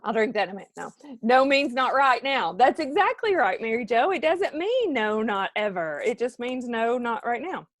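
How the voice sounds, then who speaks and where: Lively woman with a drawl. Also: a little high, normal speed, hardly any pauses, no room sound. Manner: animated, talks straight to viewers by name. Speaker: team leader. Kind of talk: motivational live video talk.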